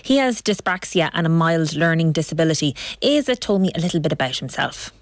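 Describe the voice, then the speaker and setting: A woman, reporting a radio feature and gently interviewing people. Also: deep voice, expressive, fairly quick, dry recording.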